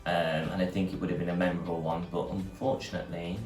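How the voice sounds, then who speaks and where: Sassy drag queen guy, lowish voice, chatting reviews in an echoey room. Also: flat delivery, quick pace, a little mellow. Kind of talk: casual review chat. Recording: echoey room, distant mic, music behind.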